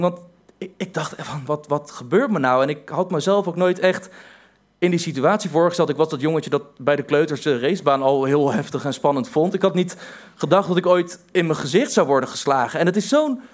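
This is a young man with a slightly high voice, telling a story from his own life. He pokes fun at himself and often pauses on filler sounds. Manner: wry, self-mocking, with hesitant fillers. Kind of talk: personal storytelling.

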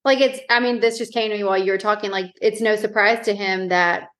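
A woman's voice: medium pitch, fairly even intonation, fast, fairly bright tone. A young woman co-hosting a podcast, sharing faith stories in earnest casual chat with many "like" fillers. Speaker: podcast co-host.

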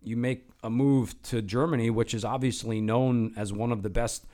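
A man's voice: medium pitch, fairly even intonation, moderate pace, mellow. A man hosting a sports podcast, asking long, conversational questions with many restarts. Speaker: podcast host. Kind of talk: casual interview questions.

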